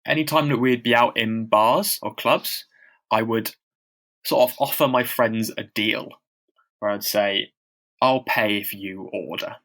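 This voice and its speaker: Podcast co-host, man with a stammer, mid-pitched, rambling and self-mocking. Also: steady tone, unhurried, fairly bright tone. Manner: stammers, with blocks and repeated sounds; loose and chatty, with lots of fillers and self-deprecating asides. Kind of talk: casual chat.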